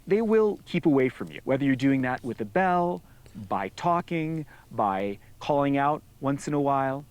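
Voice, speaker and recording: A man explaining bear safety from his own experience in a relaxed, explanatory way, now and then acting out short quoted lines. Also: medium pitch, moderate pace, clear, resonant tone. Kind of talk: informative explanation.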